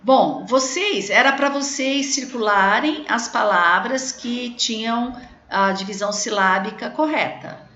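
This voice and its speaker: Brazilian woman teacher, slow and patient with kids, bright voice, echoey lo-fi room. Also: fairly high pitch, slight background noise. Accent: Brazilian Portuguese. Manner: slow, patient, spells out words to children. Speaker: primary school teacher. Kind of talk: video lesson correcting exercises. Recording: echoey room, dull lo-fi sound.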